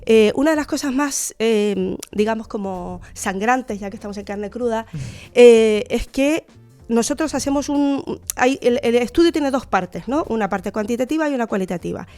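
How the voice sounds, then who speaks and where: Chilean woman with a high voice. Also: lively intonation, normal speed, a little mellow, soft background music. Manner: thoughtful, many fillers and restarts. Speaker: guest researcher. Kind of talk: radio interview.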